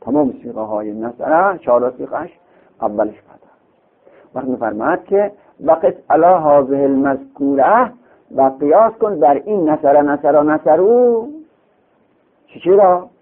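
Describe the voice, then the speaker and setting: A man's voice: fairly high pitch, sing-song, creaky. A male teacher explaining a classical text line by line, patiently repeating and chanting example words several times. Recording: tinny phone-like recording.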